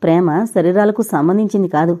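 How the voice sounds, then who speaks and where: A woman's voice: lowish voice, fairly quick, dark tone, natural voice. A woman voicing a tearful, pleading young married woman in an audio novel, speaking through sobs. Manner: sobbing, pleading. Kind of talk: audiobook character reading.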